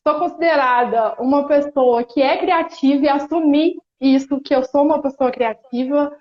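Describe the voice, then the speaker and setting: Here she has a high-pitched voice, chatting as a guest on a live stream in an earnest, reflective way that keeps pausing and restarting. She is in her thirties, from Espírito Santo, with a Brazilian Portuguese accent. The sound comes through a video-call phone or laptop mic and is roomy and dull.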